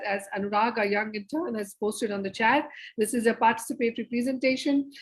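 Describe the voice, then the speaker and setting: A woman hosts a participatory drama session over a video call, her voice a little raised in pitch. She urges and coaxes her audience along in a lively, encouraging way. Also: poor audio. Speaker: theatre educator and presenter. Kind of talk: interactive online workshop facilitation.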